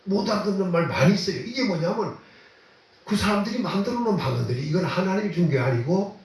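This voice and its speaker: Male pastor, conversational sermon, lively shifting pitch, asks and answers his own questions, very reverberant room with a distant mic. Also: fast talker. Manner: conversational preaching with rhetorical questions; repeats phrases for emphasis. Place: church sanctuary.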